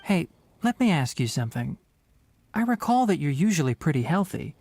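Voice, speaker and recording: An actor playing a stern but caring young male forest watcher in a video game, brisk, matter-of-fact and gently scolding. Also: on the high side, sing-song, slight background noise. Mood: concerned. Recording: game audio with background music.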